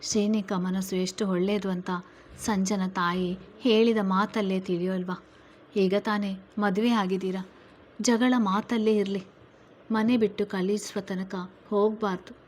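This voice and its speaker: A woman playing a middle-aged mother in a spoken story, stern and fiercely protective of her sons. She scolds the family in a loud, forceful voice, pitched a little above her normal speaking voice. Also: fairly even intonation, measured pace, lightly acted. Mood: firm.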